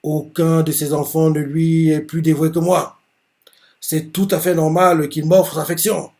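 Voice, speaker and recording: A man's voice: a little high, little pitch movement, a little slow, a little mellow. A man voicing an arrogant young male wizard from a manga, who is devoted to his father and speaks in intense, haughty declarations. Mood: fervent.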